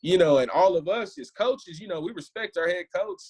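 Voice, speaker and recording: A man's voice: sits high, brisk, a little mellow, slightly rough. A man who is a head football coach, a podcast guest telling stories in an easygoing, casual way. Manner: easygoing storyteller. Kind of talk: casual interview chat.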